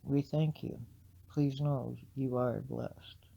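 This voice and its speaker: A woman voicing a kind elderly woman who speaks gently and slowly. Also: rumbling low, steady tone, gravelly, husky, dull audio, exaggerated voice. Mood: grateful.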